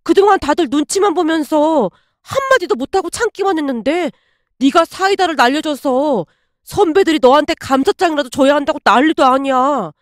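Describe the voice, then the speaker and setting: A woman voicing a blunt, easygoing young office coworker who talks fast. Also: sits high, expressive, no room sound, studio quality. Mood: blunt excited.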